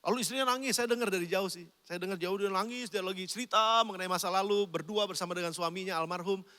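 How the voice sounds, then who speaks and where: A man's voice: sits high, fast, bright, forceful tone, clear, resonant tone, big-room sound. A man preaching a sermon as pastor, talking conversationally and addressing the congregation directly. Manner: conversational preaching, addresses listeners as brothers and sisters.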